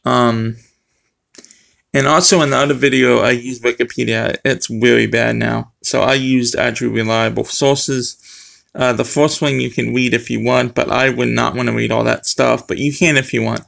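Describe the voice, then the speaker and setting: Middle-aged man, speech impediment with unclear R and W, creaky voice, halting casual vlog talk. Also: mid-range voice, flat delivery, a bit bright. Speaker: vlogger. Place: small room at home. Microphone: webcam or phone close to face.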